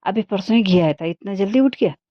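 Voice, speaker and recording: Woman reading as a rude young village man, sharp and scolding, low-pitched voice, dull dry recording. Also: no echo, lightly acted. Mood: angry, scolding. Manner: sharp, scolding, quick to anger.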